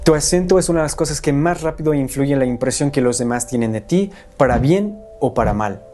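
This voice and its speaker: A young man whose first language is English, hosting a scripted lesson and explaining clearly step by step. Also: mid-range voice, fairly quick, mellow, slight background noise. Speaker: language teacher and video host.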